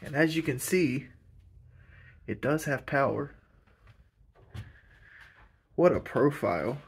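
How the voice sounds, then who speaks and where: He has a husky, mid-range voice and speaks slowly but with lots of animation. Acting as a chatty, enthusiastic guide, this urban explorer host narrates a casual walkthrough of an empty old house on a handheld camera mic.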